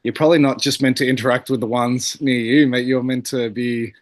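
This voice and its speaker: A man's voice: mid-range voice, fairly even intonation, fairly quick, dry recording, studio quality. A man in a casual group chat, laid-back and easygoing.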